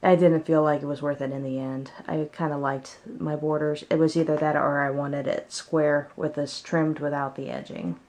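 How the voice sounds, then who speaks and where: A woman's voice: sits low, level tone, normal speed, hardly any pauses, a little mellow. A woman chatting casually at home as she presents her favorites in a vlog. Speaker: tarot deck reviewer.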